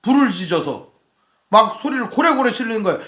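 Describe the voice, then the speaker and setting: A man preaching a sermon as pastor in a church, asking the congregation questions and acting out the shouts he quotes. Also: high voice, big pitch swings, fairly quick, roomy sound.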